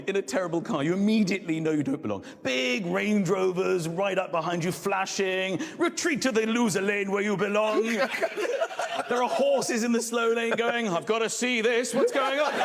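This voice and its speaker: A man performing stand-up, his high voice bouncing lively through a wry, self-mocking story. A long reverb trails his lines in the venue, with faint crowd noise underneath. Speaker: stand-up comedian. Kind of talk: stand-up comedy routine.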